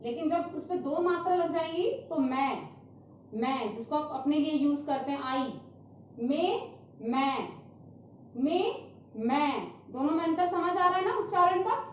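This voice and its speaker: High-pitched teacher drawing out sounds, echoey. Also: female voice, a little hiss or hum. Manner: patient, repeats sounds slowly, often asks "thik hai". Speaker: primary school teacher. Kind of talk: classroom lesson on Hindi vowel signs. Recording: distant, very echoey, dull lo-fi sound.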